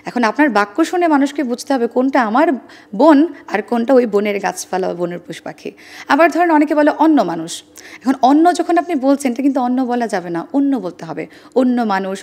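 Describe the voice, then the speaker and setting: A woman guest in an interview, explaining how to pronounce words, with careful, precise diction and a measured, deliberate delivery. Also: a little high, darkish tone. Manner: careful, precise standard pronunciation, demonstrating sounds. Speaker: interview guest on speech and pronunciation.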